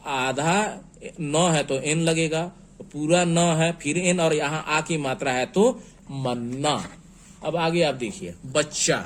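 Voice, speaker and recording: Male teacher, fairly high voice, unhurried spelling-lesson delivery. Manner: slow, patient, spells words letter by letter. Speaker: English teacher.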